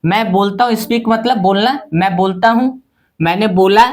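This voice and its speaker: Guy teaching english grammar in hindi, kinda high voice, keeps asking then answering himself, calls everyone friends. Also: moderate pace. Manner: asks and answers his own questions, repeats key points; addresses viewers as friends. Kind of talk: grammar lesson explained in Hindi.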